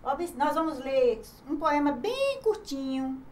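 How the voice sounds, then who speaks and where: Slow, patient woman teaching children. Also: high-pitched, sing-song, darkish tone, slight background noise. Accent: Brazilian Portuguese. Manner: slow, patient, spelling words out syllable by syllable; asks the class questions and answers them herself. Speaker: primary school teacher. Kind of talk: online grammar lesson for children.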